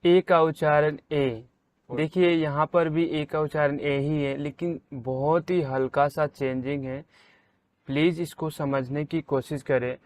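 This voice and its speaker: A man teaching English pronunciation in a slow, deliberate way, saying each example word out loud with strong stress. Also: fairly high pitch, fairly even intonation. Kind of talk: slow spelled-out pronunciation lesson.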